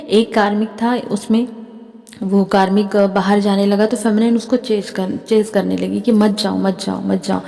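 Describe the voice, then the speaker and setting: A woman's voice: medium pitch, dark tone, long reverb tail. A woman with an Indian accent, a spiritual healer and tarot reader, talking to camera in a chatty way and often checking in with her listeners. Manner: chatty, keeps adding "theek hai". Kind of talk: spiritual channeling talk to camera.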